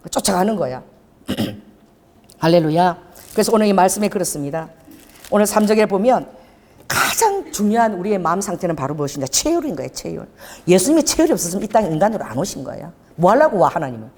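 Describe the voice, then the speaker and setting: A middle-aged woman pastor preaching a sermon in an animated storytelling manner, with laughter and quoted voices. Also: medium pitch, in a large hall. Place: church sanctuary.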